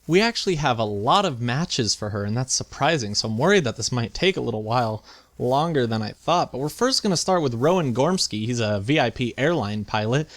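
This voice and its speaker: A man's voice: medium pitch, animated, fairly quick, no room sound. A man giving casual, chatty video game commentary, thinking aloud with playful mock indignation as he hosts. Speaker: video game let's play host.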